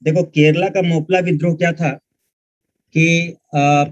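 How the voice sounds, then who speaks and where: A male history teacher lectures online with a fairly high voice, scolding his students in an informal, direct way. The recording is dry and close, with a dull, muffled tone. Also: fairly even intonation, a little slow, no room sound.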